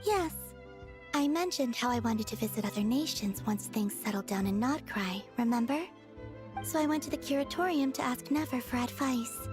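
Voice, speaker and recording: A high, gentle young woman's voice performed by an actress for a video game character. She is innocent and oddly literal, speaking politely and earnestly over background music. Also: moderate pace, lightly acted. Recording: background music under the dialogue.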